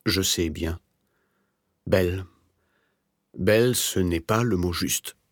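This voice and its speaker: A man's voice: low voice, slow, slightly rough, dry recording, clean studio sound, full character voice. A man voicing a feverish, dying old male clerk with a hollow voice, obsessive about his writing.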